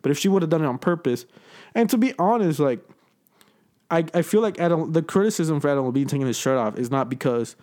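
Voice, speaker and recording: A man's voice: a little high, lively intonation, quick pace, a little mellow. A young man co-hosting a casual podcast chat, rambling and peppering his talk with dude and bro. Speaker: podcast co-host.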